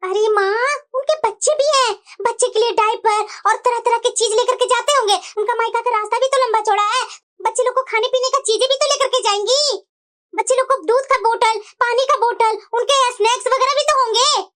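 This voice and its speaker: A woman's voice: very high voice, brisk, fairly bright tone, voice pushed up. A woman putting on the voice of a reproachful grown daughter in a cartoon moral story. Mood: scolding. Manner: scolding, reproachful. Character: young adult daughter, scolding and indignant.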